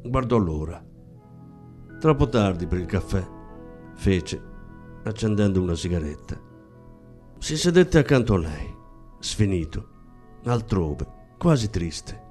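Slow, mellow male narrator. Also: low-pitched. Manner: slow, hushed, measured reading. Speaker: audiobook reader. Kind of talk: scripted literary narration.

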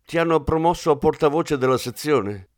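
A man's voice: a little high, expressive, normal speed, no room sound, voice pushed up, close to an everyday voice. A man reading an audiobook, playing a middle-aged police commissioner who talks in a dry, ironic way. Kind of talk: audiobook character voice.

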